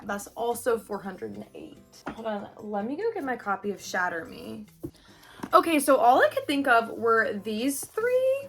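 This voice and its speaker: A woman's voice: fairly high pitch, sing-song, unhurried, fairly bright tone, soft background music. A woman in her twenties chatting casually in a book vlog, upbeat and thinking aloud with lots of "like"s. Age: 20s. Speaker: booktuber.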